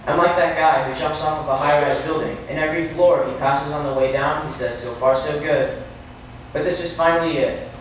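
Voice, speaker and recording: A man's voice: on the high side, steady tone, brisk, fairly bright tone, slight background noise. Man reciting a speech in an echoey room. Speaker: student giving a declamation. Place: classroom or school hall. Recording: echoey room, distant mic.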